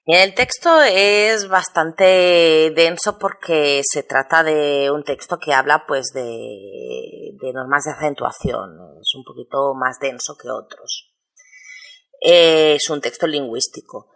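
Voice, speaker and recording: A woman with a low, somewhat bright voice teaches Spanish in a recorded lesson about spelling rules. Patient and methodical, she goes step by step and enunciates syllables slowly.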